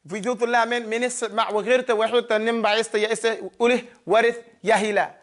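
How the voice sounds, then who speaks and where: Guy teaching grammar in a mosque class, high voice, keeps quizzing the students and repeating words. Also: fairly even intonation, fast, fairly bright tone. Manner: quizzes students, repeats terms and drills them.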